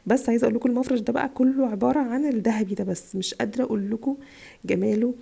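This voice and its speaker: An Egyptian woman rattles through her haul at a breakneck pace, gushing over each item. Her voice is dark and gravelly, worn down by a chest cold she has had for weeks. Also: on the high side, fairly even intonation, racing. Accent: Egyptian Arabic. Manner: chatty, gushing over items. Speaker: vlogger, mother. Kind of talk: casual haul video. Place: home in Italy.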